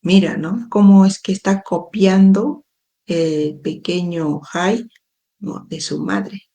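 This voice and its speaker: Woman reading a book out loud for her live club, slow and patient, keeps adding little explanations. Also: medium pitch. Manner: reads slowly, adds frequent explanatory asides. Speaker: educator and book club host. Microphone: phone or webcam livestream.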